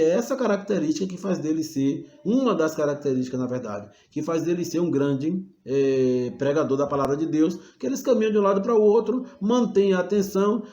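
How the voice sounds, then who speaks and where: A man's voice: sits high, warm tone, roomy sound. A man teaching a class on preaching in a preacherly way, calling his listeners brothers and shifting his tone and pace. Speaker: homiletics teacher. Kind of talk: recorded class lecture.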